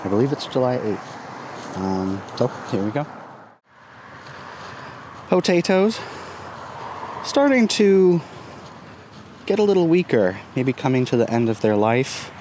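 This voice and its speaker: A man in his thirties giving a relaxed, casual tour of his garden while filming outdoors on a phone held at arm's length, with plenty of ums and uhs. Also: medium pitch. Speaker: gardening vlogger. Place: outdoors in a sunny community garden. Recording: outdoor phone recording with traffic noise. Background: passing traffic and outdoor ambience.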